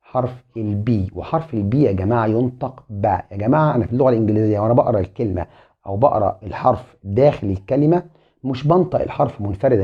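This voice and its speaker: A man with an Egyptian Arabic accent and a medium-pitched, breathy-edged voice teaches an online English lesson, spelling letters aloud and saying each one twice. He politely addresses his viewers as a group, and the sound is muffled and lo-fi.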